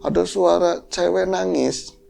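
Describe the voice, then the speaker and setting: A man's voice: sits high, unhurried, gravelly. A man, telling a horror story in casual chat and acting out the voices in it. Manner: animated, acts out voices in his story. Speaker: horror podcast host.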